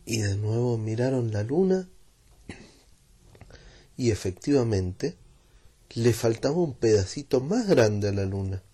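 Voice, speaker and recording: Slow, gentle Rioplatense storyteller man. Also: medium pitch, sing-song. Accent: Rioplatense Spanish. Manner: gentle, unhurried, repetitive storytelling. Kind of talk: children's story reading.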